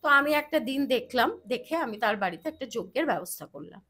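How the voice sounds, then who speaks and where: High-voiced woman telling a dramatic story. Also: expressive, pushed and bright. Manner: dramatic storyteller, chants mantras slowly. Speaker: astrologer guest. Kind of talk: storytelling in a podcast interview.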